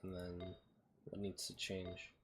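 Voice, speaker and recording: This game streamer speaks slowly in a low monotone, muttering casual commentary to himself during play. Background noise, typing, and mouse clicks all leak into his noisy mic.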